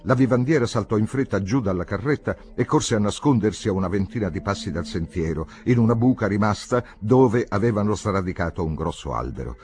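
A man reading a classic novel aloud as an audiobook, with an expressive, measured storytelling manner. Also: lowish voice, soft background music. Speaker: audiobook reader.

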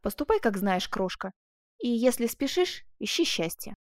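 A woman's voice: on the high side, very animated, moderate pace, dry recording, clean studio sound. A woman voicing a male master craftsman in an audiobook, cool and patronizing toward a young woman. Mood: cool dismissive.

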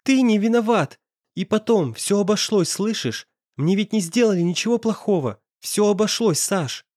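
A man's voice: high-pitched, lively intonation, moderate pace, darkish tone, no echo, clean studio sound, voice pushed up. A man reading an audiobook, voicing a tearful young woman who pleads desperately in a raised voice. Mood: pleading.

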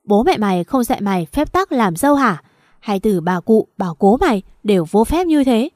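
A harsh middle-aged mother-in-law , put on by a woman reading the story in an audiobook tale. She is scornful and sharp-tongued and scolds without letup. The voice is recorded close and dry. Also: medium pitch, lively intonation, fairly quick, no echo, lightly acted. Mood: scolding.

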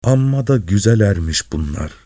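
A man voicing a gruff, grumbling poor father in a read-aloud story. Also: fairly low pitch, animated, normal speed, warm tone, no echo, voice pushed up, lightly acted.

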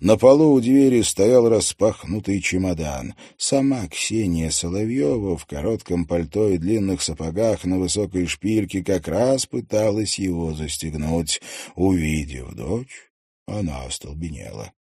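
Hushed male audiobook narrator, dry sound. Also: deep voice, expressive, measured pace, breathy edge, no echo. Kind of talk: scripted narration.

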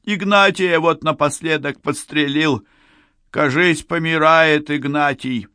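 A man voicing a male bandit rider, panting and hurried. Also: a little high, pushed and bright, clean tone, dry recording, clean studio sound, pitched above the performer's own voice. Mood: breathless.

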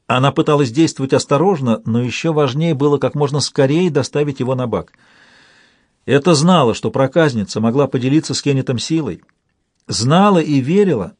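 A man reading a fantasy audiobook in steady scripted narration. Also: mid-range voice, dry recording, studio quality.

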